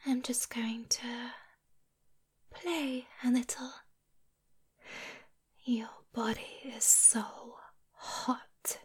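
Teasing possessive succubus played by a woman, soft close whisper, slightly high, very slow. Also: fairly even intonation, heavily acted. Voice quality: breathy. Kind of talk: whispered ASMR roleplay.

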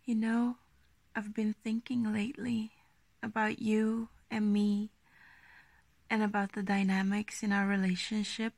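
A woman doing an ASMR role-play as an affectionate, gently dominant girlfriend, speaking slowly and intimately in a coaxing half-soft voice. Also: medium pitch, little pitch movement, no room sound. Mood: teasing, assertive. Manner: slow, breathy, intimate, soft-spoken, coaxing.

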